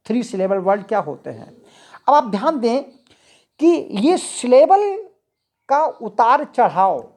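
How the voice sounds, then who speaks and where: A woman teaching an English poetry lesson, explaining each point slowly and repeating it, with English definitions mixed into her talk. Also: mid-range voice, dark tone. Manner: slow, repetitive, mixes English definitions into Hindi. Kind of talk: explanatory lecture.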